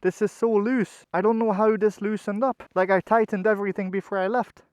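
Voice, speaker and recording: A man with a fairly high-pitched voice talks casually to his viewers from inside a motorcycle helmet. His speech is informal and peppered with swearing, in the unscripted way of a motovlog. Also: steady tone, brisk, darkish tone, dry recording. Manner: swears often. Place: outdoors on a motorbike and at the roadside.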